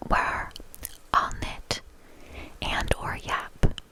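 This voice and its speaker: Casting: female ASMR host, fully whispered, casual and rambling, softly repeating words. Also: extremely slow. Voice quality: soft, unvoiced whisper. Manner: lingers on and repeats soft words. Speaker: host of a knitting ASMR channel.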